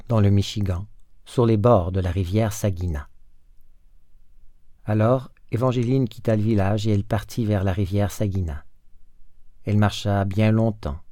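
Low, mellow male storyteller. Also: no echo, clean studio sound. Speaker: narrator. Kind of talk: storybook narration.

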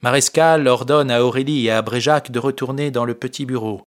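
Guy reading a story aloud, clear and steady, mid-pitched, audiobook narration. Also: fairly quick.

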